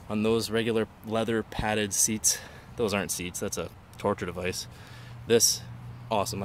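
Man, plain-spoken and enthusiastic, deeper voice, handheld phone recording on a lawn. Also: slight background noise. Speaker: angler showing his canoe. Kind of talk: casual walkthrough. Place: outdoors on a lawn. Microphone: handheld phone camera.

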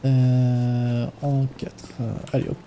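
A man's voice: medium pitch, completely flat delivery, slow pace, dark tone, a little hiss or hum, lightly acted. A man playing a polite Ukrainian immigrant taxi driver who speaks broken French with a put-on accent. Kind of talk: role-play in a game.

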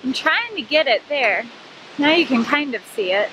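A woman's voice: sits high, animated, moderate pace. A woman in her thirties chatting casually to a camera at arm's length outdoors. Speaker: travel vlogger. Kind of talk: casual vlog chat to camera. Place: outdoors in a campground. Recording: outdoor camera audio with clear background noise.

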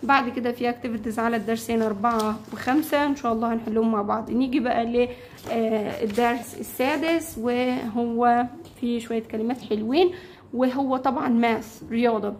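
A woman with an Egyptian Arabic accent gives a children's English lesson. Her voice sits high. She repeats each new word slowly and keeps checking that the pupils understand. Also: steady tone, a little mellow, a little hiss or hum. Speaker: primary school English teacher. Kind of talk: classroom lesson explaining vocabulary.

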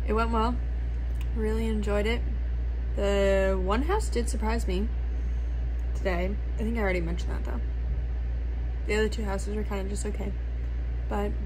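A young American woman chatting casually in a bubbly sorority-girl way, sprinkling in "like", as in a college vlog. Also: mid-range voice. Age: young adult, about 18 to 20. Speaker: college student vlogger. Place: dorm bathrooms and dorm rooms. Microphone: phone at arm's length. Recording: noisy phone audio with background hum.

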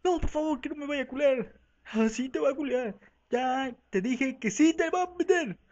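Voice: sits high, expressive, moderate pace, a little mellow, lo-fi sound. A speaker with a Mexican accent doing a rowdy, profane comic parody dub of a talk show, voicing every part and switching between voices. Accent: Mexican Spanish.

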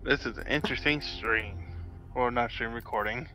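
A man chatting casually with friends during a game, reacting dramatically with loud exclamations. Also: medium pitch, moderate pace. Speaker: gamer friend. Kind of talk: casual gaming chat.

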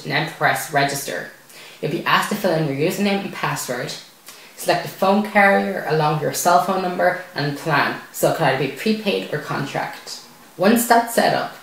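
A young Irish man, a tech video host, presents a scripted tutorial to camera from a desk in a small bare room. His voice is on the high side with a fairly bright tone. The recording is very echoey.

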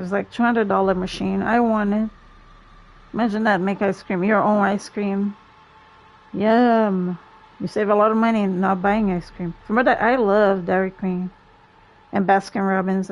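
A woman's voice: mid-range voice, darkish tone. A young woman livestreaming a game from home, chatting casually and playfully with teammates and laughing often. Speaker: gaming livestreamer. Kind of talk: casual live gameplay chat. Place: home, in a gaming chair.

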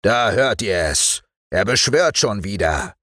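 A man's voice: on the low side, big pitch swings, slow, pushed and bright, dry recording, clean studio sound, full character voice. A man voicing a harsh, sneering ship captain in a told story. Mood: stern. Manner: stern, sneering. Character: stern harsh ship captain, grown man, cruel and mocking.

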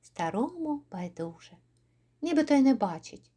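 A woman narrating a poem for an audiobook in a measured, expressive way. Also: high voice, husky. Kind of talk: audiobook poetry reading.

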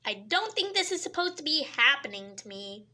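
A woman's voice: sits high, very animated, a little fast, sharp tone. A woman performing every character in a homemade toy-pet hospital short, switching from whispers to squeals. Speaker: toy video maker voicing all characters. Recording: faint background hiss.

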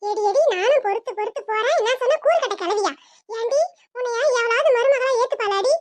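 A woman's voice: very high voice, fairly quick, no echo. A woman voicing a bossy, scolding middle-aged mother-in-law with a Tirunelveli Tamil accent. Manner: scolding, sharp-tongued.

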